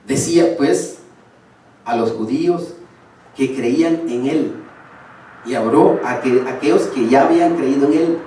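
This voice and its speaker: A man's voice: medium pitch, unhurried, pauses often, dark tone, slight background noise. A man preaching a sermon, speaking emphatically and addressing his congregation directly. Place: church hall. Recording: echoey hall, distant mic.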